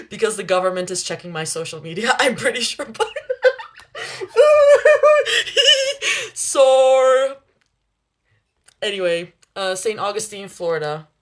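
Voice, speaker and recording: A young woman hosting a livestream, chatting casually with viewers, laughing often between quick asides. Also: medium pitch. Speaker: livestream host reading chat. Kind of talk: casual live chat with viewers.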